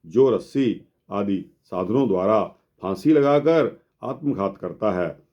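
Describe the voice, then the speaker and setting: A man reading out and explaining a religious scripture in a measured way, often turning to address his listeners as friends. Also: lowish voice, animated, dark tone, highs cut off. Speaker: scripture narrator.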